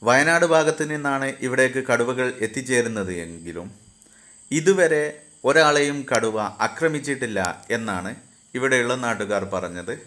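A man narrating a travel video voice-over in an even, informative guide tone. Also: mid-range voice.

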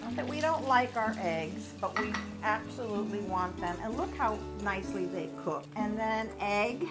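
In a home kitchen, a chef in her sixties walks through a breakfast recipe one step at a time, speaking into a lapel mic. Her voice sits at medium pitch and moves at a moderate, steady pace, instructive throughout. Loud music plays underneath her.

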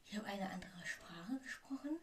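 A woman reading aloud and voicing an earnest, unsure young boy wizard in a soft, hushed voice. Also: medium pitch, moderate pace, distant mic, a little hiss or hum, natural voice. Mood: puzzled.

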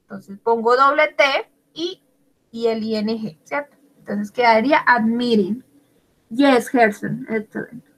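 A woman's voice: on the high side, unhurried, low-quality recording. A woman teaching an English grammar class in Spanish, spelling out words letter by letter and praising her students by name. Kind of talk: online class explaining grammar.

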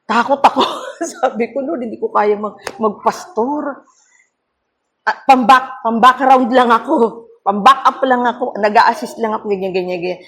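A woman's voice: fairly high pitch, moderate pace, fairly bright tone, slightly rough. A middle-aged woman pastor giving a devotional sermon, telling a personal story earnestly and checking in with her listeners as she goes. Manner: earnest storytelling, mixing English phrases, frequent "no?" tags. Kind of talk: devotional sermon at a prayer meeting.

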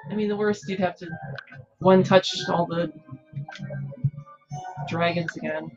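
A woman's voice: on the low side, fairly even intonation, a little slow. A woman chatting casually while watching a video game being played. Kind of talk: casual gameplay chat. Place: indoor game room, filming a TV. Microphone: camera mic in the room. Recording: dull lo-fi room recording, game music.

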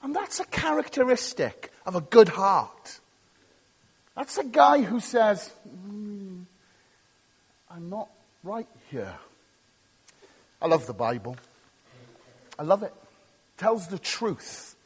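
Male pastor, husky and expressive, emphatic sermon style, long church reverb. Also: sits high, takes it slowly, long pauses. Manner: emphatic and repetitive, punchy short phrases; conversational asides to the congregation.

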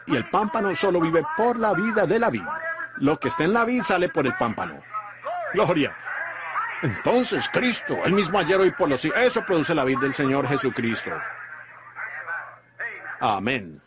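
A man's voice: a little high, background noise. A man reading a sermon as a dubbed voice-over, with an emphatic preaching cadence and frequent asides to the listeners. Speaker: Spanish voice-over reader of a sermon.

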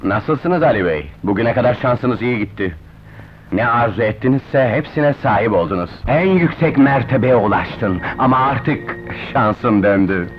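A gloating male villain, voiced by an actor, who lingers over each taunt at a slow, deliberate pace. The sound is a dull old film soundtrack with a clear score behind it. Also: medium pitch, expressive, music in the background, lightly acted. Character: gloating male villain taking revenge on a rival. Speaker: film character. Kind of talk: dubbed 1970s film acting.

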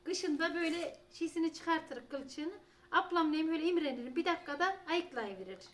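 A woman's voice: very high voice, fairly quick, a bit bright. A woman, chatting casually and rambling in a home vlog, sometimes talking to her cats. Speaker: vlogger.

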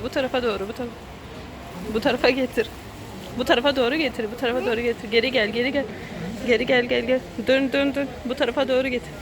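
A woman, a mother filming a casual family vlog, hurrying her children along and teasing them, in and around a car outdoors. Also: fairly high pitch. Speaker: mother and family channel host. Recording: street noise clearly behind.

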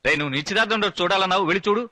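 A man's voice: high voice, racing, bright, forceful tone, no room sound. An actor playing a genial older man who hosts his guests and teases them in a dubbed film scene. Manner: chiding, teasing banter. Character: genial older man, teasing, fussy host. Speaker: bride's uncle hosting guests.

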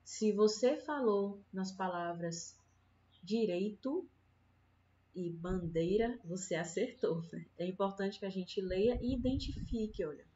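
A woman's voice: medium pitch, a little slow, warm tone, slight background noise. Patient Brazilian woman teacher, dull sound. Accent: Brazilian Portuguese. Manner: patient, explaining, keeps adding "né?". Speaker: primary school teacher. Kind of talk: online lesson for children. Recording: dull lo-fi sound with faint guitar.

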